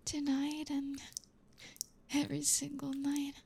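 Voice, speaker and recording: A young woman whispering softly in an intimate ASMR roleplay, reassuring and coaxing, with frequent low hums. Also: monotone, creaky, slight background noise. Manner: soft unvoiced whispering, slow and soothing.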